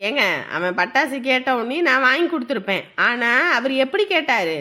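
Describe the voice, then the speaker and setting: A woman's voice: sits high, animated, moderate pace, bright, forceful tone. A woman playing a strict, thrifty mother who lectures her family in a family drama, speaking rural in a firm manner. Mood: lecturing. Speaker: mother, wife. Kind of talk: village family drama acting.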